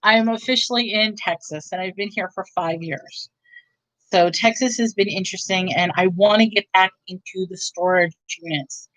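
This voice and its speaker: The host of a reseller livestream, a middle-aged New Yorker, chats with viewers at a moderate pace in a mid-range, slightly bright voice. Her talk wanders, and she keeps correcting herself. The recording is dry and of poor quality.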